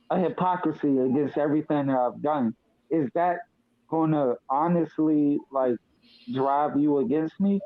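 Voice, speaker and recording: A man debating casually in a halting, slangy way with heavy swearing, heard over a call. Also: a little high, no echo. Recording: tinny phone-like dry line.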